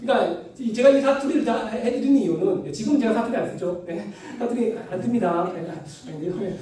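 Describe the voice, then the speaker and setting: A man from North Gyeongsang giving a sermon with humorous anecdotes, animated and constantly asking the congregation for agreement. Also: sits high, brisk. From Yeongju, North Gyeongsang, Korea. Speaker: lay preacher. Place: church hall. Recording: echoey church hall, distant mic.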